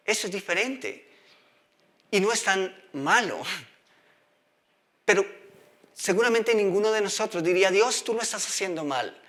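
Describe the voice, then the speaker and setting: A man's voice: high-pitched, pushed and bright. A male preacher giving a sermon, reading scripture aloud and often checking in with the audience through questions.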